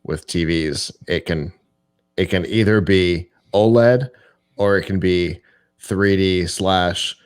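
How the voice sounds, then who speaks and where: Casting: very deep male co-host, dry-humored explainer, relaxed chat. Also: takes it slowly, clean tone. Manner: wry, explanatory, chuckles at his own jokes. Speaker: podcast co-host. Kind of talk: casual tech chat.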